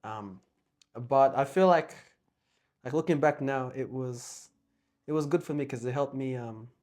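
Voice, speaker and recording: A young man from Australia, a guest in a casual chat, talking softly and hesitantly with many pauses and ums. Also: mid-range voice.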